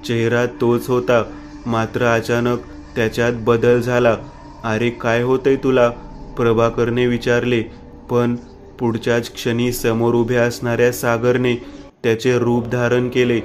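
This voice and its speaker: A man narrating a horror story in a steady, even reading style. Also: medium pitch, a little slow, slight background noise.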